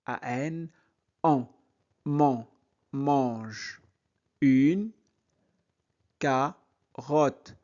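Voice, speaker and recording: Very slow, patient male reading teacher. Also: medium pitch, muffled recording. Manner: very slow, syllable by syllable, repeating words. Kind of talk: slow reading lesson, spelling out sounds.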